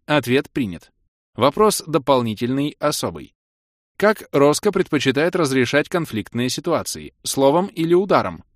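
A man's voice: mid-range voice, very animated, normal speed, dry recording, clean studio sound, pitched above the performer's own voice, lightly acted. A man voicing a formal magical system that announces questions in an official tone.

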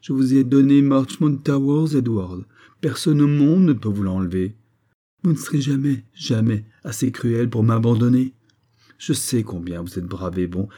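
A man's voice: medium pitch, dark tone, breathy edge, close to an everyday voice. A man voicing a fragile, pale young wife who pleads tearfully, in an audiobook reading.

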